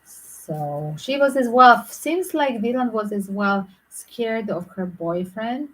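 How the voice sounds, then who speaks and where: A woman tarot reader talking to her viewers in a loose, rambling way, often filling pauses with "like". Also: fairly high pitch, expressive, a bit bright, rough recording. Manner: rambling, frequent "like" fillers. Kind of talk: casual speculative monologue to viewers.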